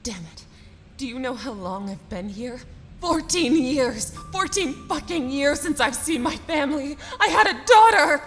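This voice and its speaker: A woman's voice: a little high, animated, a little slow, pauses often, a bit bright. A woman acting a desperate, anguished prisoner and grieving parent in a horror drama, pleading and raging. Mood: furious anguish. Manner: anguished, pleading, swearing outbursts. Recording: long hall reverb, music behind.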